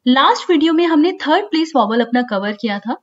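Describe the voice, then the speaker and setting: Woman, high voice, patient step-by-step teacher, slightly muffled lo-fi audio. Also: animated, fairly quick. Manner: explains step by step, repeats key points with frequent "theek hai". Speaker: shorthand teacher. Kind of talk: online lesson.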